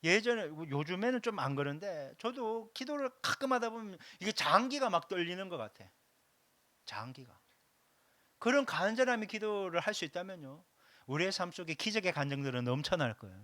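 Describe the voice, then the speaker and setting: A man delivers a Sunday sermon in a high, bright voice that swings widely in pitch. He preaches emphatically and hammers key phrases through repetition. His questions go straight to the congregation, and the sound is close and dry. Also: very animated, fairly quick, dry recording. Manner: asks the congregation direct questions. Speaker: pastor.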